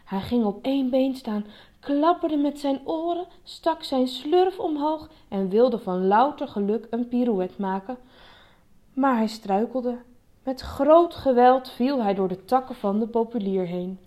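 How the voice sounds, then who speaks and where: A woman reading a children's story aloud in a slow, measured narration. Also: fairly high pitch, lively intonation, dark tone.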